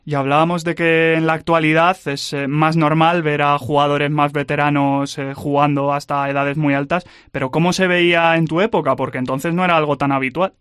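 Radio sports host guy, smooth clear voice, kinda high, flat delivery, dry studio. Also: fairly quick, few pauses, no echo. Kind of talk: radio interview questions.

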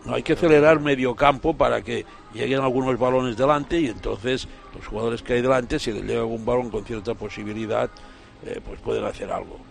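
A man's voice: mid-range voice, fairly even intonation, a little fast, vocal fry, faint music behind. A man giving football commentary on a radio sports show, emphatic and repeating himself as he starts. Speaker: football pundit.

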